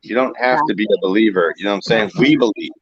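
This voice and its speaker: A man's voice: on the low side, fast, dull audio, a little hiss or hum. A man from Ohio chatting casually on a group stream, swearing and preaching about belief and frequency. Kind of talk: casual chat.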